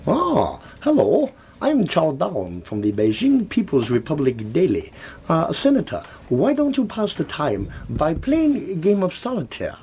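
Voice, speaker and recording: A man's voice: fairly high pitch, huge pitch swings, normal speed, hardly any pauses, darkish tone, slight background noise. A man doing a cackling communist spymaster. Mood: scheming. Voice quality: put-on foreign accent, sly, cackling. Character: scheming foreign communist spymaster, male, gloating. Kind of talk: comedy sketch acting.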